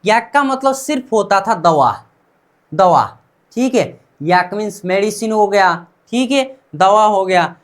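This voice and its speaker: In an animated, unhurried, mid-range voice, a woman with an Indian accent teaches Korean pronunciation through Hindi. She repeats each word numerous times and asks the class questions before giving answers.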